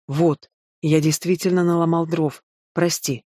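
A man's voice: fairly high pitch, fairly even intonation, a little slow, dark tone, no room sound, studio quality. A man voicing a remorseful grown man pleading with the woman he loves in an audiobook.

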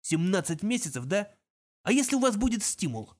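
A menacing male thug who sneers and taunts his captives, voiced by a man in an audiobook. The threats come flat and cold, with a mocking edge. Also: sits high, fairly quick, voice pushed up. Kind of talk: audiobook character voice.

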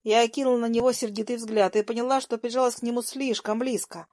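A young woman narrating a first-person story in a soft, even storytelling voice. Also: on the high side, fast talker, no echo, studio quality.

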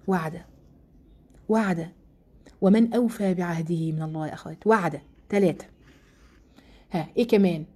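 Egyptian woman, Quran lesson teacher, mellow voice, earnest, stresses words slowly. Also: mid-range voice, slightly rough. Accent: Egyptian Arabic. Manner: earnest, emphatic, repeats key words slowly. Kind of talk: religious lesson to women.

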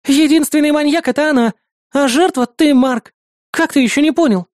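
A woman's voice: high-pitched, fairly quick, a little mellow, no room sound, clean studio sound, pitched above the performer's own voice, lightly acted. A woman voicing a bossy, sarcastic middle-aged female neighbor in an audiobook. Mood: indignant. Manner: scolding, indignant, sarcastic. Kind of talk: audiobook character voice.

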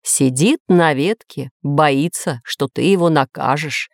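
A woman's voice: low voice, slow, dry recording, clean studio sound. A woman as a hesitant magic mirror reflection. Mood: uncertain. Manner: hesitant, uncertain. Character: talking mirror reflection, cautious.

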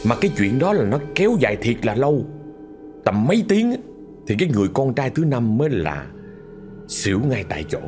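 A man's voice: mid-range voice, sing-song, a little fast, over music. A man telling a ghost story in a vivid, conversational way, often repeating words for effect.

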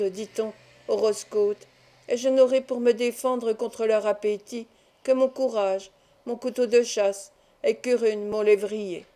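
A woman voicing a suave young nobleman who speaks softly and courteously, yet firmly. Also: fairly high pitch, lightly acted. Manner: soft, courteous, commanding.

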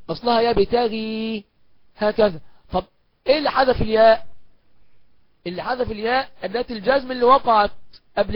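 A man with an Egyptian accent teaching Quran recitation in a recorded course, asking and answering his own questions and slowing down to recite examples. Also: high-pitched, dry recording, lo-fi sound. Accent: Egyptian Arabic. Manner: slows down to recite verse examples. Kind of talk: recorded online course lecture.

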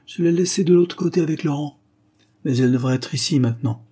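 A man voicing a kindly old man who exclaims in a flustered way, his voice raised and husky. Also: on the high side, a little fast, dark tone, pitched above the performer's own voice. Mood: calm. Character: kindly fumbling old man, startled and distraught.

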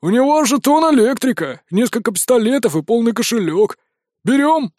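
A short, gruff dwarf leader snaps and sneers in this audiobook, as a man acts him out. His voice sits high and leaps all over the place. The sound is close and dry. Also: big pitch swings, normal speed, a little mellow, no room sound. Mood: angry. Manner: barking, sarcastic. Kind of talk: audiobook character voice.

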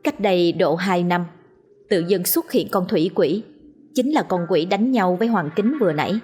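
A woman's voice: lowish voice, moderate pace, darkish tone, soft background music. A woman narrating a ghost story with dramatic storytelling.

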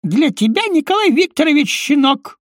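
A man voicing a spiteful, contemptuous older male ex-colleague who yells insults in an audiobook. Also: animated, moderate pace, no room sound, studio quality. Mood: contemptuous yelling. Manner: shrill, yelling insults.

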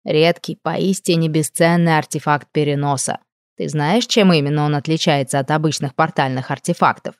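A woman playing a slow, knowing nymph mentor. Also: low-pitched, fairly even intonation, no echo, clean studio sound. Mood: gentle. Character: calm, amused female nymph mentor, older than she looks.

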